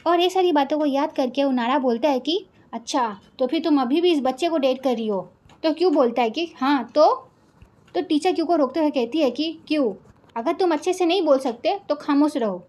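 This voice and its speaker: A woman's voice: high voice, fairly quick, mellow. A woman narrating a drama recap in a casual storytelling way, retelling each character's lines with frequent fillers.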